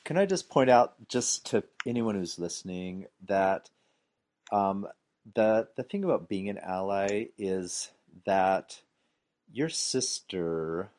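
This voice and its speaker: Deep-voiced male host, measured and reflective. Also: expressive, darkish tone. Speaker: podcast host. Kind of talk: interview conversation.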